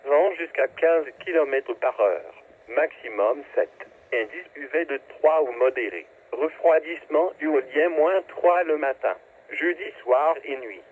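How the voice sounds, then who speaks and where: Through a narrowband, staticky weather radio transmission, a synthetic male voice with a fairly high pitch and a breathy edge reads scripted forecasts. He uses lively intonation at a measured pace, though the phrases stay clipped and impersonal.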